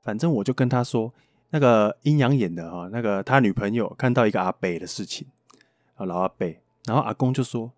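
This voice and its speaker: A man's voice: lowish voice, brisk, dry recording, clean studio sound, faint music behind. A man with a Taiwanese Mandarin accent, hosting a podcast and telling a ghost story in a playful, joking way with mild swearing. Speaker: podcast host. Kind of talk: casual storytelling.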